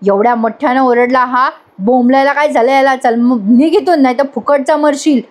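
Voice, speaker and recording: A woman's voice: high voice, normal speed, natural voice. A woman reading the lines of a hot-tempered, scheming man who scolds and threatens people. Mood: angry.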